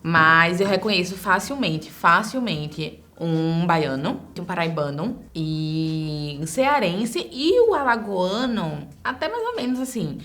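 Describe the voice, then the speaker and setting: A woman's voice: fairly low pitch, big pitch swings, slow, hardly any pauses, fairly bright tone. A woman from Pernambuco with a Recife accent, speaking in a confident, emphatic way. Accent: Recife Brazilian Portuguese. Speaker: interviewee.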